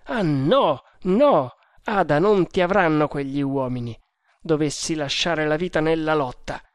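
A man's voice: a little high, expressive, a little slow, dry recording, studio quality. A man voicing a fierce young male hero on the run, with frantic, impassioned exclamations. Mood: furious.

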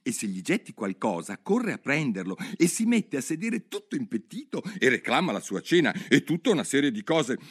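A man's voice: medium pitch, sing-song, fairly quick, hardly any pauses, breathy edge, voice pushed up. A man reading a storybook aloud, voicing a curious, polite young girl who rambles eagerly. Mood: chatty.

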